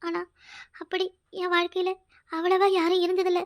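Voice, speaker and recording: A woman in a cartoon voices a young woman with a very high, almost childlike pitch. Her lines come out pleading and tearful, with frequent catches in the voice. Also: monotone, normal speed. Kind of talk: cartoon voice acting, several roles.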